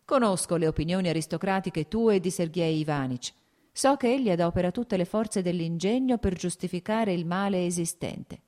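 A woman's voice: on the low side, moderate pace, close to an everyday voice. A woman reading an angry agitated radical man. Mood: heated. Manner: agitated, shouting outbursts. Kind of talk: audiobook character reading.

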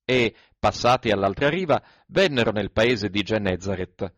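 A man with a fairly low voice reads scripture aloud in a measured, even recitation. The sound is dry and close, with no room around it. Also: no room sound. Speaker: scripture reader.

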